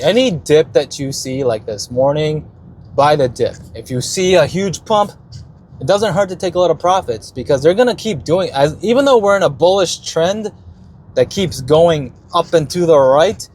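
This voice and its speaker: A man's voice: medium pitch, darkish tone, a little hiss or hum. A man talking casually and off the cuff as a market commentator, in a brash, slangy, swearing crypto-bro manner. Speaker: retail investor and stock market video host.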